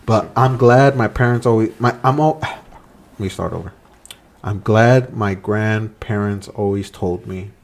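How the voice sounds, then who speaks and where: A man's voice: on the low side, a little slow. A man hosting a podcast, loose and chatty, wrapping up a casual conversation. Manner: loose and chatty, says bro and dude. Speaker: podcast host. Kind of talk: casual chat.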